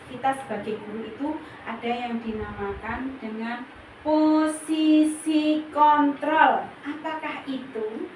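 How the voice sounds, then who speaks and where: A woman's voice: high voice, slow pace, darkish tone. A woman kindergarten teacher giving a workshop presentation to colleagues, explaining points in lists and acting out sample teacher lines. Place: school room. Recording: echoey room, mic far off, faint noise.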